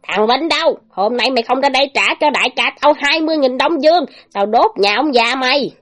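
A woman's voice: high voice, fairly quick, a bit bright, soft background music, voice pushed up. A woman voicing a brutal male gang leader who threatens and jeers in a raised voice, in a storybook reading. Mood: menacing. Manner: menacing, threatening, jeering.

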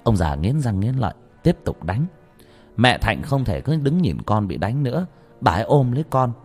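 A man narrating a ghost story with expressive, dramatic delivery. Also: medium pitch, moderate pace, husky. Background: soft background music.

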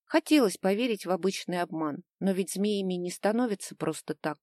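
A woman narrating a novel in the first person with an even, measured reading. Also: mid-range voice, dry recording, clean studio sound. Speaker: audiobook narrator.

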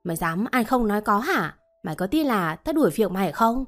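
A woman's voice: mid-range voice, big pitch swings, a little fast, faint music behind. A woman voicing an abusive middle-aged man who blusters and threatens a young maid. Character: bullying middle-aged man, the mistress's partner.

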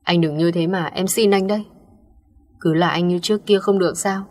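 Tearful young female student, read by a woman; husky, low, insistent. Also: steady tone, normal speed, darkish tone, lightly acted. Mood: pleading. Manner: insistent, pleading.

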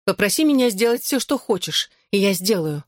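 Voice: medium pitch, animated, brisk, no echo, clean studio sound, voice pushed up, close to an everyday voice. An audiobook reader voicing a jealous, reproachful young woman who hisses her complaints at her ex. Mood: demanding. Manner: reproachful, hissing. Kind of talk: audiobook character voice.

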